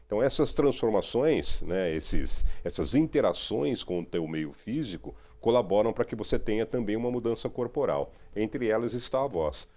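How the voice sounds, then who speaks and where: A middle-aged man, a radio and TV journalist, speaking in a relaxed, reflective interview, often ending phrases with a questioning tag. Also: on the low side, moderate pace, few pauses. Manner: reflective, frequent "né?" tags.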